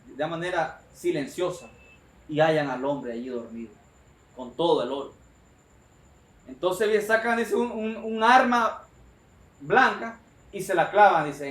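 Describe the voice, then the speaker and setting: High-voiced preacher in an echoey room. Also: male voice, fairly bright tone. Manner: emphatic and repetitive, often calling his listeners "brother". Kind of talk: sermon.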